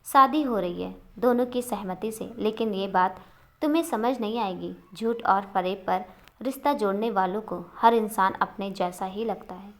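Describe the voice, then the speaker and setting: A woman voicing a calm, sharp-tongued young wife in a storybook reading. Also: medium pitch, normal speed, close to an everyday voice.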